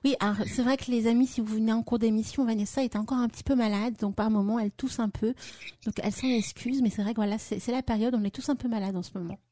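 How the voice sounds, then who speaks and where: A woman's voice: on the high side, steady tone, fast talker, no echo. Chatty woman radio host, dry sound. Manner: warm chatty address to listeners. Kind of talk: radio show hosting.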